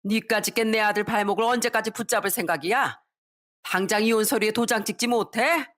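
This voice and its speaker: A woman voicing a domineering older mother-in-law who yells scornfully at her daughter-in-law in a radio story reading. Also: mid-range voice, brisk, pitched above the performer's own voice, natural voice. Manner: shouting, scornful.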